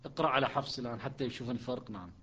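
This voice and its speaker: A man's voice: medium pitch, rapid-fire, sharp tone. A man teaching Quran recitation, correcting students and demonstrating the readings. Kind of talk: online tajweed lesson. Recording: muffled lo-fi sound.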